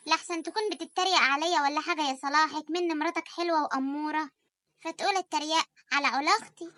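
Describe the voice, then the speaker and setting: A young woman with an Egyptian Arabic accent voicing a jealous, scheming sister in an animated story, quick and sharp-tongued. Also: high-pitched, no room sound, studio quality.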